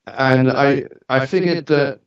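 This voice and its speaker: A Scottish man in his forties, raised travelling around the UK and now a musician and studio owner, chats as an interview guest in a mixed Scottish-British accent. His mid-range voice is steady and unhurried as he tells stories in a casual, lightly joking way. The recording sounds dull and echoey, with the mic set at a distance.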